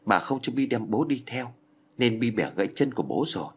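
A man narrating an audiobook in a steady storytelling manner. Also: mid-range voice, a little fast, husky. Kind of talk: scripted narration.

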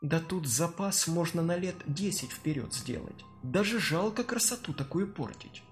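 A man's voice: sits high, big pitch swings, measured pace, soft background music, pitched above the performer's own voice. A man doing a sly, coaxing witch woman. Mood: scheming. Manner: soft, coaxing, hushed. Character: sly young-looking witch woman, cunning and weary.

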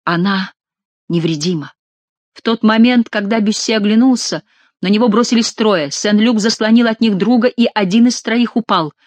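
A woman narrating a dramatic adventure novel as an audiobook reader, with expressive storytelling. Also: a little high, moderate pace, no room sound.

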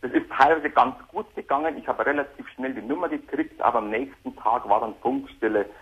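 A man in his thirties calling in on a speakerphone headset, talking in a hesitant, halting way over a dull phone line. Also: mid-range voice, breathy edge. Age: 30s. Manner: hesitant, halting, repeats words. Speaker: caller. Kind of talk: call-in radio conversation.

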